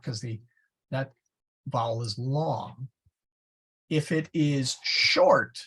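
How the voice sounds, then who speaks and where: Gravelly, husky man teaching a class. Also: medium pitch, a bit bright. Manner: casual, self-correcting, chatty explanations. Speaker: Latin teacher. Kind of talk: classroom lecture. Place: church classroom.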